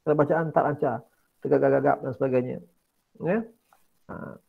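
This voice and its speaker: A man's voice: mid-range voice, fairly even intonation, normal speed, gravelly, husky, narrow, tinny audio. A Malaysian male religious studies teacher giving an online exam-prep lesson, coaxing students and repeating key words. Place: indoors, online class.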